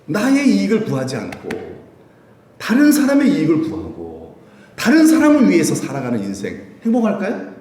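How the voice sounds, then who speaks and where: Lively man preaching in an echoey church. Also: sits high, moderate pace. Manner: animated, laughing often, asks the congregation questions. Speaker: pastor. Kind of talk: sermon. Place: church sanctuary.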